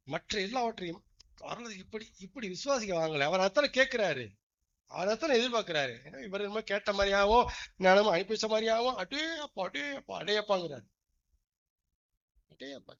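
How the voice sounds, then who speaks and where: A man preaching a sermon, dropping to quiet asides and then rising to loud, stressed lines, often checking that listeners follow. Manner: emphatic, swings from low asides to loud stressed phrases; questions the congregation often. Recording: dull lo-fi recording.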